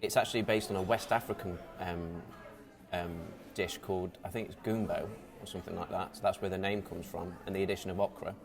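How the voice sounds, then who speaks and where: A man explains each dish in a relaxed way, listing ingredients and pausing on ums. His voice is low. Clear crowd chatter fills the background. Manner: explains dishes, lists ingredients, many ums. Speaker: deli co-host. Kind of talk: casual food explanation.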